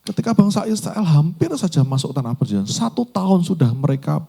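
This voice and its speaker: A man's voice: fairly high pitch, big pitch swings, fairly quick, gravelly, warm tone. A man preaching a sermon. He tells a story vividly and addresses the congregation directly. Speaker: pastor.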